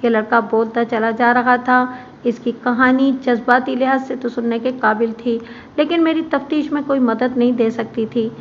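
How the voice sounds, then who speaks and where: A woman reading a crime story aloud in a steady, even storytelling manner. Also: a little high, normal speed. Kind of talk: scripted narration of a crime story. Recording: muffled with faint background hiss.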